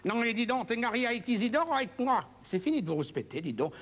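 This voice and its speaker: A man's voice: very high voice, big pitch swings, fast, fairly bright tone, long reverb tail. A man working as a ventriloquist on a TV variety show, playfully chatting with his puppets like a kindly uncle. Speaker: ventriloquist and impressionist guest.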